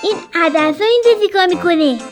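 A woman's voice: extremely high pitch, animated, soft background music, pitched above the performer's own voice. A woman voicing a tidy young storybook friend who teases and chides. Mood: surprised.

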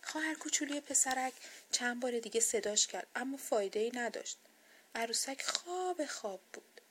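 A woman reading a children's bedtime story aloud, soft, gentle and expressive. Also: on the high side, slightly rough.

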